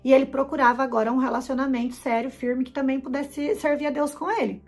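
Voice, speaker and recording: Expressive Brazilian woman telling her testimony. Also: sits high, fast talker. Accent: Brazilian Portuguese. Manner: expressive storytelling, acts out her own past words. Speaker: host giving a personal testimony. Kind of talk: emotional personal testimony.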